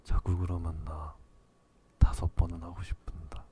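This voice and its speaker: A man acting a low, soft-spoken dominant lover, ASMR role-play. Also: level tone, slight background noise, close to an everyday voice. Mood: commanding, teasing. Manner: slow murmuring, coaxing and commanding, often soft-spoken. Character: teasing, dominant, possessive male lover.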